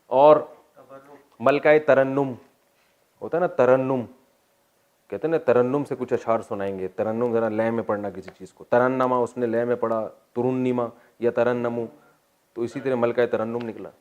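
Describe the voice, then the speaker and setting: A man teaching a Quran class in Urdu with a Pakistani accent, slowly drilling grammar forms and adding quick, joking asides to his students. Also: mid-range voice, steady tone, a little mellow, muffled recording. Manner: jokes with students. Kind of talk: classroom lecture on Arabic grammar.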